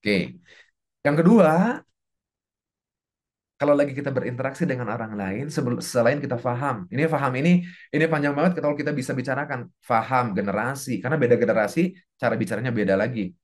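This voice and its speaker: A man coaching a class in an earnest religious self-development talk, speaking straight to his listeners and dropping at times into hushed, slow prayer-like passages. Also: mid-range voice. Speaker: motivational coach teaching a class.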